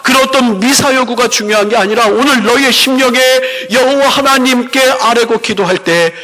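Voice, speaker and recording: A man's voice: moderate pace, pushed and bright, long reverb tail, low-quality recording. A man preaching a fervent sermon as pastor of a church congregation. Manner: fervent preaching, rising in pitch for emphasis. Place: church sanctuary.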